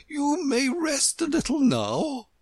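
A man voicing an imperious, bossy, politely condescending Queen in a storybook, with a shrill, swooping, grandly drawn-out delivery. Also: huge pitch swings, no room sound, clean studio sound, full character voice. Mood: condescendingly gracious.

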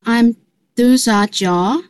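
A woman from Myanmar, an adult English learner speaking slowly and carefully. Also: a little high, a little mellow, clear, resonant tone, no echo, clean studio sound.

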